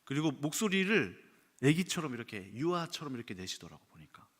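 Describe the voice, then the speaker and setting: Animated preacher in a reverberant church. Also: male voice, fairly high pitch, fairly quick. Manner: animated storytelling, acts out quotes. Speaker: pastor. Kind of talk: sermon. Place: church sanctuary. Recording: long church hall reverb.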